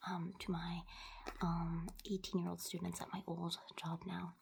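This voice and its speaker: A woman speaks in a fast ASMR whisper, soft and breathy, pitched a little low. She rambles casually, stopping and restarting her thoughts close to the microphone. Clear background noise with clicks and tapping runs behind her. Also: completely flat delivery. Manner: rambling, stop-start with trailing thoughts. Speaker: ASMR video host.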